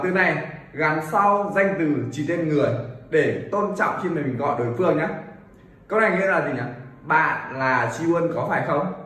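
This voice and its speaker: A man teaching a Korean grammar lesson, explaining clearly and repeating example sentences slowly for practice. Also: a little high, a bit bright. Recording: very echoey room, somewhat far from mic.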